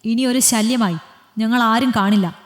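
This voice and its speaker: A woman's voice: on the high side, moderate pace, close to an everyday voice. An arrogant young man, as a woman storyteller puts him on, drunk and taunting, his words mocking and curt. The voice carries a long echo from the room. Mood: sneering.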